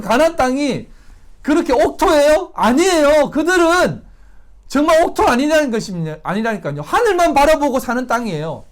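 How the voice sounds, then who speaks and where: A man preaching a Sunday sermon as pastor, emphatic and putting rhetorical questions to the congregation. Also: extremely high pitch. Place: church service.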